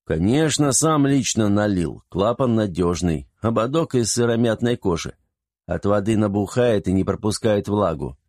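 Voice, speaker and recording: A man's voice: on the low side, animated, normal speed, darkish tone, dry recording, studio quality. A man reading an audiobook, voicing a proud craftsman explaining his handiwork. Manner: explanatory, self-satisfied.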